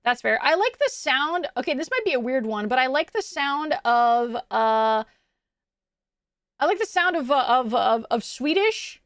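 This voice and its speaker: She's a young woman with a high, somewhat bright, sing-song voice, chatting a little slowly and casually with her stream chat. Rambling along, she stumbles over her words and laughs often, recorded close to the mic with a dry sound and no echo.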